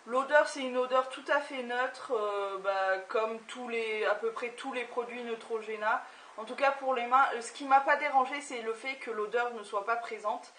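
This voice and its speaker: A woman's voice: a little high, moderate pace, a bit bright, distant mic, a little hiss or hum. A young woman reviewing beauty products in a casual vlog, talking hesitantly with lots of filler sounds. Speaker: beauty vlogger. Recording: echoey room, voice off-mic.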